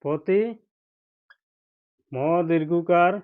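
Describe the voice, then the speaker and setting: Slow high-voiced man teaching spelling. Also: fairly even intonation. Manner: spells words letter by letter, repeating each word; addresses viewers as friends. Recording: tinny phone-like sound.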